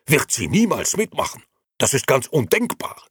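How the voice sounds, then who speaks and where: A man reading aloud, voicing an agitated, excitable male debater who speaks emphatically. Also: medium pitch, normal speed, breathy edge, dry recording, clean studio sound, pitched above the performer's own voice. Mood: excited.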